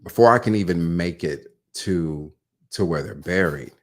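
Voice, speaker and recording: A man's voice: low voice, unhurried. A man from Alabama, a guest telling a candid personal story in a casual interview. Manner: candid, storytelling, jokes about himself.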